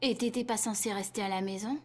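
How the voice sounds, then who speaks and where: A woman playing a cheeky young boy, a scheming little brother, in a French-dubbed film with loud music over the dialogue. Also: mid-range voice, fast, lightly acted. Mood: earnest.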